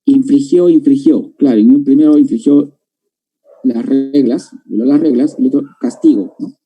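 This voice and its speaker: A man's voice: mid-range voice, fairly even intonation, moderate pace, warm tone, husky, poor audio. A man teaching a grammar lesson to a class, explaining step by step and often checking that students follow.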